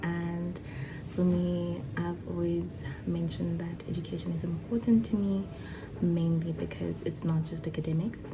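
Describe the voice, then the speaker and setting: A woman's voice: lowish voice, measured pace, rough recording. Chatty young woman vlogging over music. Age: 20s. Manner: chatty, excited, nervous, with many fillers and restarts. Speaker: vlogger and foundation founder. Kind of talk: casual talk to camera.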